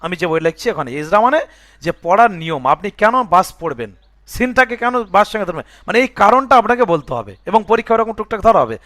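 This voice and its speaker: Man, high voice, quick pace, teaching Quran reading, breaking words into letters, dry close sound. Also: big pitch swings, fairly bright tone, no echo. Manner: breaks words into letters and vowel marks, checks "বুঝে আসছে?". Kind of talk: spelling-out recitation lesson.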